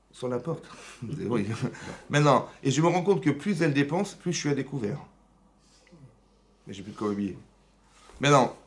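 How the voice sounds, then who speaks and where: A man with a French accent, a rabbi giving a Torah class in a synagogue, lively and rhetorical, asking questions and answering them himself. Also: medium pitch, creaky.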